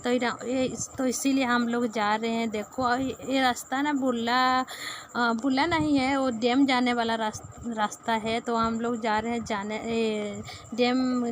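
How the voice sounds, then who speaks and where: A woman with a Sambalpuri Odia accent, a native Odia speaker narrating a casual vlog in halting Hindi, searching for words. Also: fairly high pitch, steady tone, slight background noise. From Sambalpur, Odisha. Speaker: vlogger.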